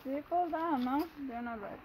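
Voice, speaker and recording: A woman's voice: sits high, moderate pace, a crowd in the background, low-quality recording. A woman from Austria chatting as a tourist on an outdoor hike, curious and full of questions. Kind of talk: casual chat.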